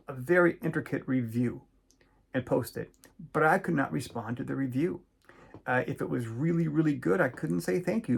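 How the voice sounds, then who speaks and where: A middle-aged man, an author, talking casually and unscripted to camera, earnest and measured, with many fillers and halting restarts. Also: medium pitch, gravelly.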